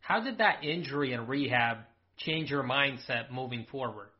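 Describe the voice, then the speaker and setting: Man with a medium-pitched voice as interviewer, direct questions, dull recording. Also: animated, moderate pace.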